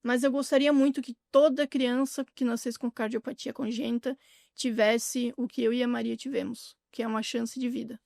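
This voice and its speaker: A woman with a Brazilian Portuguese accent, speaking candidly as an interview guest, with halting restarts. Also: a little high, level tone, vocal fry, darkish tone, dry recording, studio quality. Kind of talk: casual interview chat.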